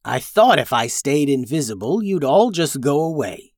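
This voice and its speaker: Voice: big pitch swings, normal speed, no echo, studio quality. A narrator putting on a grumbling crystal dragon. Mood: grumpy. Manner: grumbling, low and quiet. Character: grumpy female crystal dragon, territorial and hungry.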